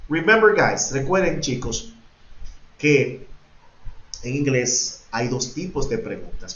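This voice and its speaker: A male English teacher explaining grammar to his students, switching between Spanish explanations and English examples and repeating points for emphasis. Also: medium pitch. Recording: echoey, dull lo-fi room recording.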